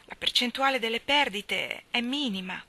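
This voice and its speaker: A woman's voice: a little high, normal speed, pushed and bright, no room sound, voice pushed up. A woman reading the part of a young woman friend in an audiobook, speaking in a raised, urgent and emotional way. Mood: brisk. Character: young woman friend, warm, anxious, easily upset.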